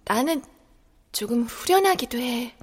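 A woman voicing a gentle young child in an audio drama who speaks plainly and softly. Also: fairly high pitch, animated, unhurried, husky. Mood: resigned. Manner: plain and soft, later quiet and resigned. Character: poor, gentle young child facing its death.

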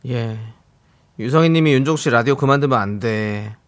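A man's voice: mid-range voice, moderate pace. A man co-hosting a radio show in a studio, reading listener texts aloud in casual banter and laughing often. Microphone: studio microphone.

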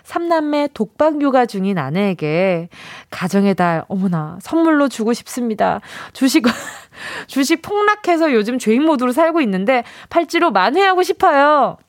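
A woman's voice: on the high side, sing-song, normal speed, no room sound, studio quality. A young woman hosting a radio show, playfully announcing a giveaway and reading listener texts aloud with a bubbly, dramatic delivery. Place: radio studio. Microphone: studio mic.

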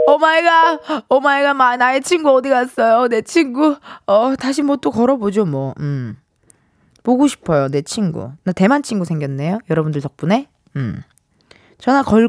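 A woman's voice: fairly high pitch, animated, a little slow, dry recording, clean studio sound. A woman hosting a radio show, chatting playfully with a caller and laughing often. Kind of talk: casual radio chat with a caller.

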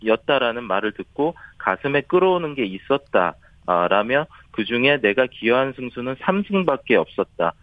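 Male golf commentary-style reporter, formal with occasional stumbles, mid-pitched, boxy band-limited audio. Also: sing-song, normal speed, hardly any pauses, dry recording, narrow, tinny audio. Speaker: sports newspaper reporter, golf correspondent. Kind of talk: scripted golf news report, play recap.

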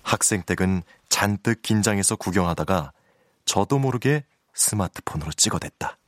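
A man's voice: low-pitched, lively intonation, moderate pace. A man delivering scripted literary narration as the narrator of a radio drama.

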